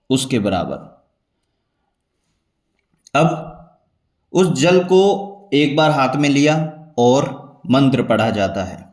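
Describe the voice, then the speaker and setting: A man guides listeners through a devotional ritual in a steady, measured way, repeating key points so nothing is missed. His voice sits at an ordinary middle pitch. The room around him rings with noticeable echo. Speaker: spiritual teacher. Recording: echoey room.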